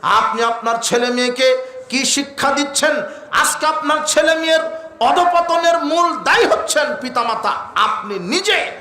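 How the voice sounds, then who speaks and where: A male preacher with a high, bright, forceful voice delivers a fiery sermon, hammering home points in repeated lists. His voice rings through an echoey space with faint background noise. He climbs to shouts at his peaks. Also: animated, a little slow. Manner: fiery, declamatory, rising to shouts; repetitive emphatic lists. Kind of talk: Bengali waz sermon.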